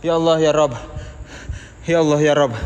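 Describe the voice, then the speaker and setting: A man with streaming a ghost hunt, nervously calling out into the dark on a handheld phone. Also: a little high, fairly even intonation, moderate pace. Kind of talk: live ghost-hunting stream. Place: empty haunted building indoors. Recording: reverberant hall with faint noise.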